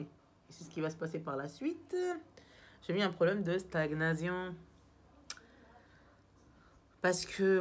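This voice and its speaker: Young woman, vlogger, chatty storyteller, slightly low voice. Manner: chatty, animated, addresses viewers as girls. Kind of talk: casual storytelling vlog.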